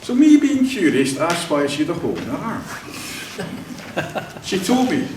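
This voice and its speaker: A Scottish celebrant's fairly high, sing-song voice carries at a moderate pace through a church hall during a vow renewal ceremony. He's jovial, laughing often as he recounts family anecdotes. The background is noisy, the room echoes, and the microphone is placed far off.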